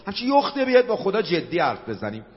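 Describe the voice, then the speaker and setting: Man, middle-aged, Qom Persian accent, preacher, fervent sermon, high lively voice, muffled lo-fi recording. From Qom, Iran. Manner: impassioned, rhetorical questions, Arabic quotations. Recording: dull lo-fi sound with long hall reverb.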